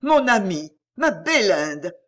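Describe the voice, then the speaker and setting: Woman doing a volatile noblewoman, passionate and declamatory, raised pitch, lots of melodic movement. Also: very animated, unhurried. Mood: vehement. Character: proud, volatile aristocratic lady in anguish.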